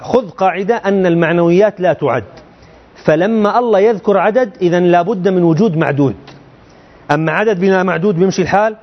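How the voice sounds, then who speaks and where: Fast high-voiced man teaching. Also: dull audio. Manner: asks rhetorical questions, colloquial and lively. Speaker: religious studies teacher. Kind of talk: explaining a creed text to students.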